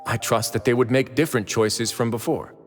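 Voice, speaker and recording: A man's voice: medium pitch, steady tone, a little fast, close to an everyday voice. A man voicing a confident, wry fortress warden in a video game, easygoing and persuasive. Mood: calm. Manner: easygoing, persuasive, quietly teasing. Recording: game cutscene with reverb and music.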